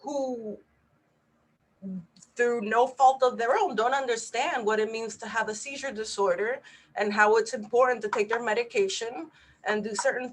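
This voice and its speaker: Over a rough recording, a woman in her thirties speaks at medium pitch while giving a webinar presentation by video call. She is a physician panelist from Puerto Rico with Spanish as her first language, and her talk is earnest and conversational, dotted with fillers.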